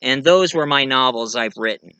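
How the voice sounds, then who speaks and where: Speaking at a normal speed in a medium pitch, this male video creator comes across bright and forceful with a clean tone. He chats in vlog style, rambling with enthusiasm about the writing he does as an amateur, and there's no echo.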